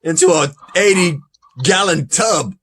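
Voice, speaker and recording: A man hosting a casual podcast review, talking in an animated way, reading results aloud and laughing often. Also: high-pitched, measured pace, breathy edge. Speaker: podcast host.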